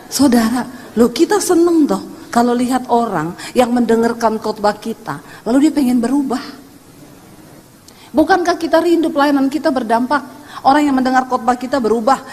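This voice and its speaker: A middle-aged woman pastor giving a lively, chatty sermon, acting out the voices in her stories. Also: high voice, moderate pace, slight background noise. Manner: animated storytelling, acts out voices of others; colloquial, chatty preaching with Javanese-flavored particles. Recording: long hall reverb.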